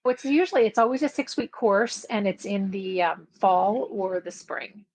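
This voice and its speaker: A relaxed, chatty middle-aged woman from Belgium appears as a podcast guest, speaking as a book marketing expert in a casual interview. Her pitch is middling for a woman and her speed normal. She laughs easily and lets her phrases trail off softly at the ends.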